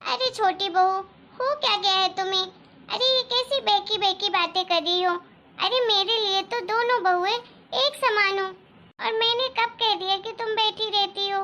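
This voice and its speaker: A gentle fretting mother-in-law. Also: very high voice, fairly even intonation, a little slow, highs cut off, a little hiss or hum, heavily acted. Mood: scolding. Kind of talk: Hindi cartoon story dialogue.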